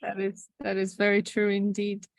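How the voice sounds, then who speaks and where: A woman's voice: mid-range voice, completely flat delivery, normal speed, gravelly, slight background noise. A woman in her thirties from Latvia, facilitating an online presentation in a conversational way with frequent restarts, speaking on a video call. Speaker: webinar facilitator.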